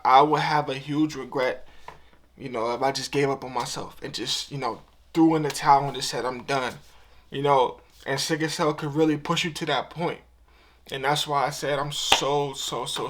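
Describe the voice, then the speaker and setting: At a moderate pace, his medium-pitched, slightly bright voice stays fairly even. The twenty-year-old YouTuber's vlog is emotional and sincere, delivered in slang-heavy casual talk with frequent repetition.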